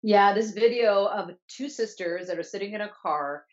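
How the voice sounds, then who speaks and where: A woman's voice: mid-range voice, normal speed. Woman, co-host, casual chat, chatty, self-correcting, muffled lo-fi audio. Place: in Canada.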